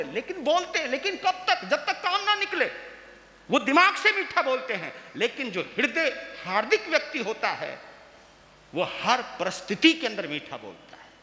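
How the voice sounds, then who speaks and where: A man preaching a sermon as a monk, slow and emphatic, repeating phrases and putting questions to his listeners. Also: high-pitched, bright, forceful tone. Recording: echoey hall with long reverb and faint hiss.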